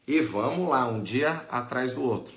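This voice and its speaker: A man's voice: medium pitch, lively intonation, moderate pace, a bit bright, reverberant. A man with a Brazilian accent, a priest and teacher explaining patiently as he answers questions on a live lesson. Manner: patient, explanatory, adds "né?" and "tá?" often.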